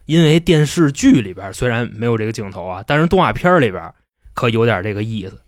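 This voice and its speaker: Animated man retelling a story. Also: mid-range voice, brisk, no echo, studio quality. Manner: animated, slangy, swears casually. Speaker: podcast host. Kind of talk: casual storytelling chat.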